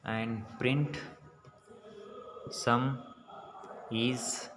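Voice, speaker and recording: A man's voice: mid-range voice, steady tone, extremely slow, music in the background. A man giving a programming tutorial, dictating code aloud piece by piece as he types it. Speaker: programming instructor. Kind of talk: tutorial narrating code as it is typed. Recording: reverberant hall sound with faint noise.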